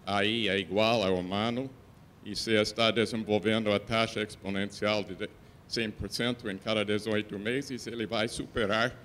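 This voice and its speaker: A man asking a question from the audience at a forum, earnest and slightly halting. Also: on the low side, slight background noise.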